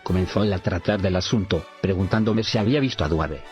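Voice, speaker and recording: Deep-voiced male audiobook narrator. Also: brisk. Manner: steady, even reading that speaks punctuation aloud. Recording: slightly dull recording with faint music.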